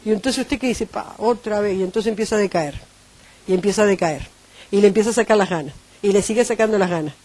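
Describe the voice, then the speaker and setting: A woman with a Uruguayan Spanish accent preaching a sermon, animated and acting out the voices she quotes. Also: mid-range voice, fast, no room sound.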